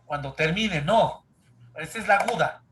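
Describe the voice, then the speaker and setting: A male teacher leads a grammar lesson over a computer mic. His voice sits a little high for a man, and he keeps checking in with his students and tossing questions at them. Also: expressive, moderate pace, fairly bright tone. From Ecuador. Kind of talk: online grammar class.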